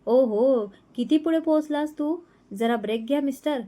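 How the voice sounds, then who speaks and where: A woman's voice: fairly high pitch, normal speed, darkish tone, natural voice. A woman voicing a young bride-to-be, flustered and fondly scolding the man she is falling for.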